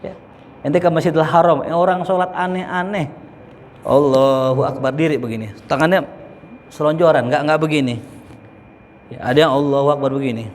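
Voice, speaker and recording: An Islamic preacher with a slightly high voice gives a casual, joking lesson in a mosque, talking fairly quickly and acting out examples as he goes. The echoey hall carries faint ambience along with a little hiss or hum.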